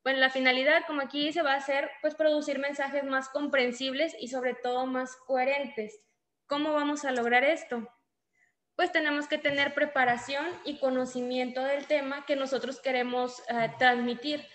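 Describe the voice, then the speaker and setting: A woman's voice: high voice, level tone, moderate pace, a bit bright. Mexican woman teacher lecturing. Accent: Mexican Spanish. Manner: explanatory, thinking aloud with fillers. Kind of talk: class lecture. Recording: echoey room.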